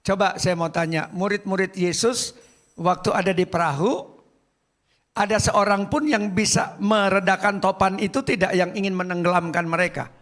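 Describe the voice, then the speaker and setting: A male pastor preaching a sermon at a church service, speaking in short emphatic bursts that repeat phrases and pause between words. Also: high-pitched, fairly bright tone. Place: church service, live-streamed.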